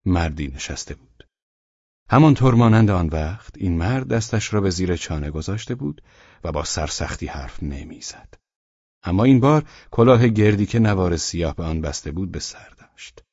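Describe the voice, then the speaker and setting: A man narrating a novel as an audiobook, reading in a steady, measured way, in a dull lo-fi recording. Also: low-pitched, slightly rough, dry recording.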